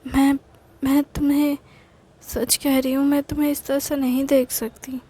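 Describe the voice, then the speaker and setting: A woman voicing a tender young woman who soothes her partner in a romantic audio story, speaking softly and haltingly. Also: high-pitched, little pitch movement, lightly acted. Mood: reassuring. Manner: soft, coaxing, halting.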